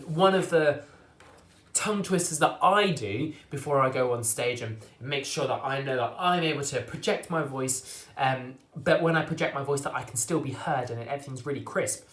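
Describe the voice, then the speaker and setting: A man teaching an online drama class for children, encouraging and reassuring as he drills tongue twisters slowly. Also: medium pitch, a bit bright. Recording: echoey room.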